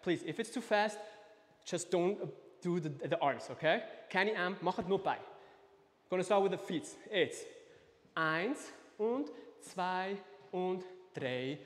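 High-voiced dance teacher. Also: male voice, normal speed, long reverb tail. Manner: counts beats aloud, mixes in English, scats the rhythm. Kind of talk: live online dance class. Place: dance studio.

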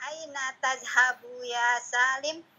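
A woman student reading an Arabic dialogue aloud in an online class, slowly and carefully. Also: high voice, steady tone, pushed and bright, husky, low-quality recording.

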